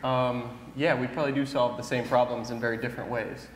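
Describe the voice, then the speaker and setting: A man's voice: mid-range voice, level tone, brisk. A man on a conference panel speaking thoughtfully, hedging often with "sort of" and "you know". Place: large conference hall stage. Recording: echoey hall with faint room noise.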